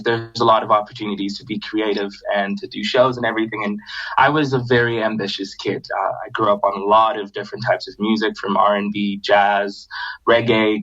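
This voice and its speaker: A young man from Zambia, raised in Botswana, talks through his story in a relaxed, unhurried podcast chat. His voice sits fairly low and comes through slightly dull, with a lo-fi edge to the recording. He fills his sentences with easy pauses and "you know". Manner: relaxed storytelling with many fillers. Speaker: guest singer-songwriter.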